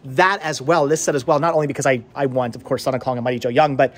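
Holding a phone or camera at arm's length, a middle-aged host vlogs casually from a small, cluttered shop selling movies and games. His mid-range voice is steady and quick, he rambles and repeats words for emphasis, and a little hiss or hum is audible.

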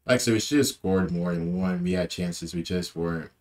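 A young football fan vlogger with a low, deep voice gives a casual post-match reaction, talking a little fast. He rambles loosely, repeats himself and uses lots of fillers, recording from a small room on a desk webcam.

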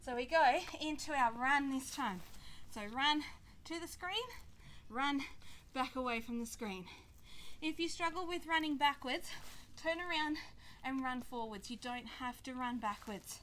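A high-pitched, slightly slow female instructor runs a children's workout outdoors on a grassy back yard, exerting herself and puffing as she barks short, energetic commands and encouragement. The recording, from a camera mic a few metres distant, is noisy and has some clicks.

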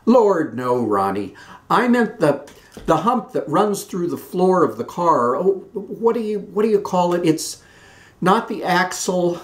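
A man voicing a chatty older Southern aunt who talks nonstop, in a high, breathless run-on way. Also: very animated, a little slow. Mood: fussy chatter. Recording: roomy echoey room.

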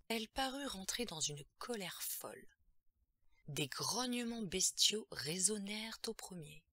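A woman's voice: low voice, bright, forceful tone, dry recording. A woman narrating a horror audiobook in a tense, dramatic storytelling manner.

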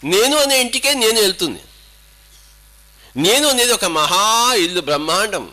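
A man's voice: sits high, sing-song, normal speed, bright, forceful tone. An older man giving an emphatic spiritual discourse, firing off rhetorical questions and switching into English and Hindi. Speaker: spiritual teacher.

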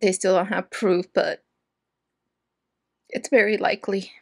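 A young woman giving sparse, subdued reaction commentary in short muttered remarks, with a husky, creaky voice. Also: medium pitch, steady tone, unhurried, no echo, clean studio sound. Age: young adult. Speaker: reaction video host. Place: small room at home with shelves.

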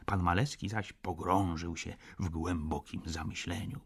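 A man narrating a literary audiobook in an expressive, theatrical way. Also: sits low, measured pace, gravelly, husky.

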